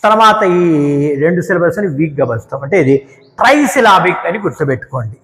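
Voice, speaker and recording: A man teaching English word stress, explaining slowly and repeating each example word. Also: high voice, expressive, fairly bright tone. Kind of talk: spoken grammar lesson. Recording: echoey room with long reverb.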